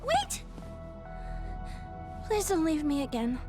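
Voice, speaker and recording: A woman voicing a bubbly, playful young female tiefling cleric in an animated series, eager and clingy, with music underneath. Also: high voice, measured pace. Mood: eager, pleading. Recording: animated series clip with score.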